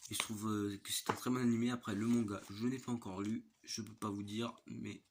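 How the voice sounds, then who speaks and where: Young man, lowish pitch, stuffy congested nose, casual rambling vlog chat, noisy home recording. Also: little pitch movement, a little fast. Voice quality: congested, blocked-nose sound. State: has a cold with a stuffy nose. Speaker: manga collection vlogger.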